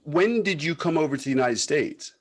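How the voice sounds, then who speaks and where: A man hosting a podcast on a walk, firing eager questions and cutting in with quick interjections. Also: on the high side, animated. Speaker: podcast host. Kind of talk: conversational interview. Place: walking outdoors.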